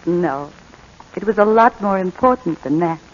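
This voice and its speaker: Here a woman with a lowish, expressive voice, lightly acted and moderately paced, voices a tender, anguished mother begging her estranged son. The 1940s radio recording is muffled and old, and she sounds tender and hesitant.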